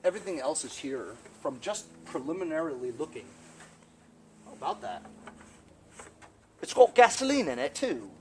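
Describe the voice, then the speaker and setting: A man's voice: on the high side, very animated, normal speed, pauses often. Chatty man explaining a mower repair outdoors. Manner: chatty, explains step by step, keeps asking "right?". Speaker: small-engine repair video host. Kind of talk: casual hands-on repair walkthrough. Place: outdoors in a sunny backyard. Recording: outdoor background noise.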